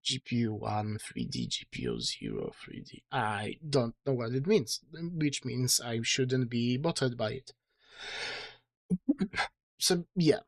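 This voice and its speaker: A man's voice: mid-range voice, sing-song, slow pace, gravelly, no room sound. A man streaming to his chat, sounding tired and strained in the throat, rambling and self-deprecating with lots of fillers and restarts. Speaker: streamer reading his own book. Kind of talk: casual livestream chat.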